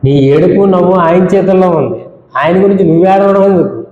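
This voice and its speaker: A man's voice: high-pitched, fairly quick. A male pastor preaching a sermon, scolding his congregation with rhetorical questions and repeated lists. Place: church hall. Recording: dull echoey church hall with long reverb.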